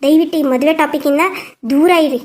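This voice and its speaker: A woman's voice: sits high, fairly even intonation, a little fast, dark tone, close to an everyday voice. Woman voicing a defiant cartoon daughter. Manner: blunt and dismissive. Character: headstrong young adult daughter, defiant and self-centered. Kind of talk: cartoon voice acting.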